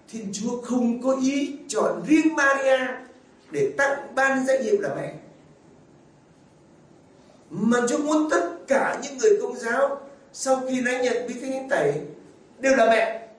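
A male priest delivers a homily in a high-pitched voice, questioning his listeners as he goes. His voice rings through a very reverberant church, picked up from some distance. A faint room ambience sits underneath. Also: expressive, takes it slowly, pauses often. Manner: asks the congregation rhetorical questions. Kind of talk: sermon. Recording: very echoey, far from the mic, faint ambience.

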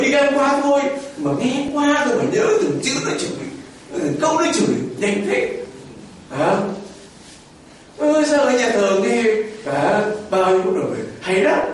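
Animated high-voiced priest in echoey church. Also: male voice. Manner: animated, rhetorical questions, colloquial asides. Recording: echoey hall from far off, faint noise.

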